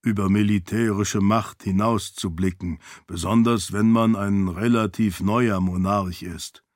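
A man voicing a calm, loyal adviser who speaks low, slow and soft. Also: no room sound, clean studio sound, natural voice. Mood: measured. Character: calm, loyal adviser to a princess, deep and measured.

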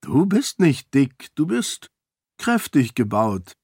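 Casting: sharp-witted young princess, read by a man, teasing and quick, raised voice, husky edge, dry close audiobook sound. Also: medium pitch, expressive, no echo, voice pushed up.

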